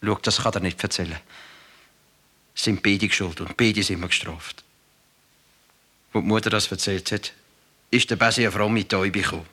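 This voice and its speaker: A man with a Swiss German accent reads a folk tale aloud in a dramatic storytelling manner. His voice is bright and forceful, sitting a little low, and he moves readily into the voices of the people in the story. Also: steady tone, moderate pace, long pauses. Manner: dramatic, shifts into quoted voices. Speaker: narrator.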